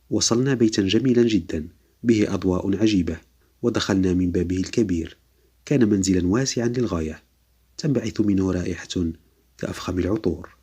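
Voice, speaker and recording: A man narrating a scripted story in a steady, measured reading voice. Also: low voice, husky.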